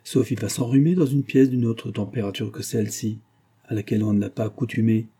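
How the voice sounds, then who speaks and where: A man voicing a proud, quick-tempered young society wife in an audiobook, with a sharp, imperious delivery. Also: lowish voice, fairly even intonation, slightly rough.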